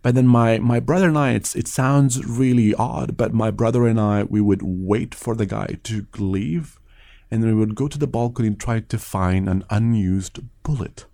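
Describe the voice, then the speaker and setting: A man in his late thirties from Afghanistan, recalling his childhood as an interview guest, measured and full of hesitations. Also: on the low side, vocal fry, dark tone. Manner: measured, many hesitations and restarts. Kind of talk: reflective interview storytelling.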